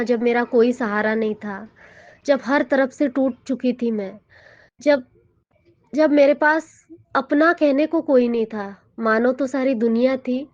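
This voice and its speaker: A woman's voice: on the high side, darkish tone. Earnest woman sharing a devotional testimony. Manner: earnest and emotional, often addresses listeners as sangat ji. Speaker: devotee sharing her experience. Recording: dull, dry lo-fi audio.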